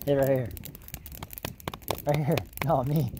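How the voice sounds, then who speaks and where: A man's voice: mid-range voice, slow pace, background noise. A man vlogging outdoors by a fire at night on a handheld camera, joking, teasing and swearing with friends in casual chat. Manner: laughing, teasing, swearing, animated.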